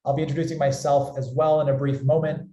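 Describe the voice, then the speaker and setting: Hosting and opening an online webinar from an indoor room, an enthusiastic American founder of a company talks fast. His mellow voice sits on the high side with little pitch movement. The recording sounds roomy and echoey.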